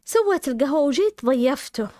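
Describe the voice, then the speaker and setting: Young woman, confessional storyteller, very fast, dry close sound. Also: high-pitched, expressive, warm tone, no echo. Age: young adult. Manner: rapid, emotional confessional telling. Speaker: YouTube storyteller. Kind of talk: first-person story narration.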